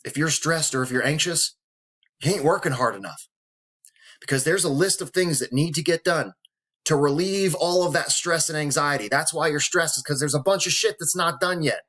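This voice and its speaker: Talking straight to the camera, a thirty-something male vlogger uses a slightly high, bright, forceful voice at a fairly quick clip. He swears bluntly yet speaks from the heart, motivational and emotional, holding back tears.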